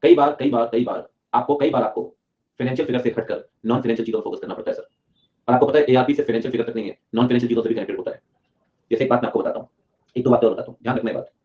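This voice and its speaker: Fast talking young guy from delhi doing a playful lecture, acts out little skits, muffled recording. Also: mid-range voice. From Delhi, India. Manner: animated, acts out auditor and client in funny voices. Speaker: accounting teacher. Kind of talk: lively classroom lecture with acted skits. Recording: dull lo-fi recording.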